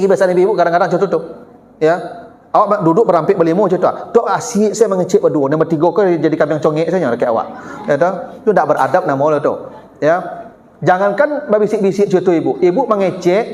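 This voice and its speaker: Man, preacher, Minangkabau accent, high voice, chatty teasing sermon, echoey mosque hall. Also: a little mellow. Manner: chatty, teasing, acts out everyday quotes. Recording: roomy hall with long reverb.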